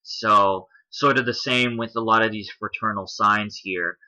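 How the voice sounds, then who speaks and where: A man's voice: on the low side, fairly even intonation, measured pace, bright, forceful tone, highs cut off. A man giving casual explanatory commentary over images, walking through his points one at a time, spelling out letters and often adding "if you will". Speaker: video commentator.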